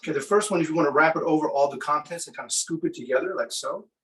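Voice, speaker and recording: A man's voice: on the high side, very fast, recorded from a distance, low-quality recording. Man demoing a recipe, a bit off-mic. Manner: relaxed, chatty, with fillers. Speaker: cooking demo presenter. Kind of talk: live cooking demonstration.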